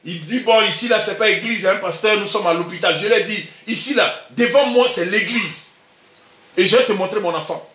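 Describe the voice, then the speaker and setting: High, bright Ivorian preacher. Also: male voice, normal speed, recorded from a distance. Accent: Ivorian French. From Côte d'Ivoire. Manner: emphatic, repetitive preaching with sudden shouts. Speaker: pastor. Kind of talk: sermon. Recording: echoey room, voice from afar.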